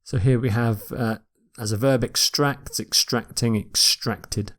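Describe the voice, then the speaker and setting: A man teaching English vocabulary in a recorded lecture, repeating each word slowly and carefully for pronunciation. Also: mid-range voice, steady tone, a bit bright. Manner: slow, deliberate, repeats words for pronunciation.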